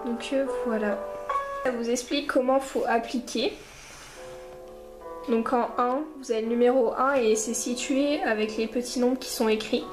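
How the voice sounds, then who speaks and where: A woman's voice: fairly high pitch, steady tone, normal speed, reverberant, music in the background, poor audio. A woman beauty vlogger reviewing a makeup kit in a rambling, chatty way, talking straight to her viewers. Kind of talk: casual makeup review and tutorial.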